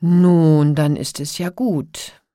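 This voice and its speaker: Young captive princess, high and plaintive, frightened, as a woman reader puts her on, breathy, slow. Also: animated, mellow, no echo, clean studio sound. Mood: pleading. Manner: higher, plaintive.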